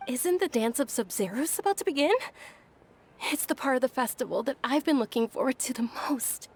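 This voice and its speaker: In this video game role, a woman portrays a gentle, frail young noblewoman, soft-spoken, polite, earnest and measured. Her high voice sounds animated and eager, with a little hiss or hum in the background.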